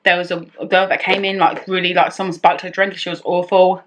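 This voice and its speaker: Woman, slightly low pitch, casual story-time vlog, rambling, self-interrupting. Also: flat delivery, quick pace, a little hiss or hum. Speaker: vlogger telling a story while eating.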